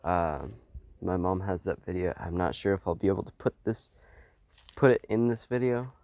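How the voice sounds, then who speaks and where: A young man explaining his truck repair in a casual vlog, halting and full of ums, filming outdoors on a phone. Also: deep voice, a little mellow, no echo. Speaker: homesteading vlogger. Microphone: phone held while filming.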